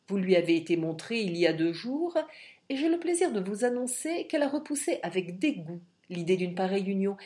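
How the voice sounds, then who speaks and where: A woman voicing an irascible, domineering old man who speaks loudly, shouting and sarcastic. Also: medium pitch, close to an everyday voice.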